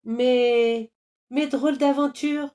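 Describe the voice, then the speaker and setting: A woman voicing a stubborn young boy, pleading and insisting in a high voice in a storybook reading. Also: lively intonation, takes it slowly, darkish tone. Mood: insistent. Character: stubborn young boy wanting his book.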